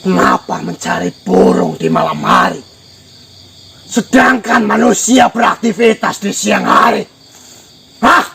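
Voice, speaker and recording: A man voicing a male guardian spirit of a place who questions the visitors slowly and sternly. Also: sits high, wildly swooping pitch, gravelly, noisy background, heavily acted. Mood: probing. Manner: slow, commanding, interrogating. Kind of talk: spirit-possession role-play.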